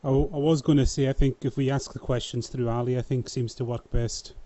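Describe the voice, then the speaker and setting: A man's voice: medium pitch, fairly even intonation, a little fast, dark tone. Scottish man hosting, with thick accent. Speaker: host of a live panel show. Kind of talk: informal live panel chat. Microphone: online call. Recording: muffled online call audio.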